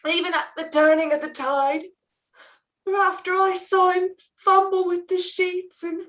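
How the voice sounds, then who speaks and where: A woman's voice: extremely high pitch, fairly bright tone. A woman playing a garrulous, tender, earthy tavern wife in a theatrical, rambling Shakespearean stage style.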